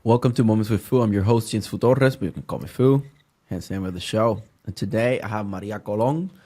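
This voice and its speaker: A man with a Puerto Rican accent, a native Spanish speaker, hosting a casual podcast interview and talking haltingly with many restarts and fillers. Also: fairly low pitch, dark tone. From Puerto Rico. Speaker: podcast host.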